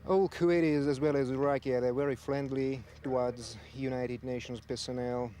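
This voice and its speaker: Flat intonation, hesitant interview speech, dark tone, faint vehicle noise. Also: medium pitch. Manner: halting, hesitant phrasing. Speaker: military observer being interviewed. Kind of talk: unscripted interview answer.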